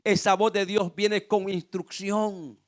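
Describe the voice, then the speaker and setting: A male pastor preaches in a high, bright-edged voice. He builds with repeated phrases and rhetorical questions, punctuated by calls of "aleluya.". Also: little pitch movement, takes it slowly. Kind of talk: sermon.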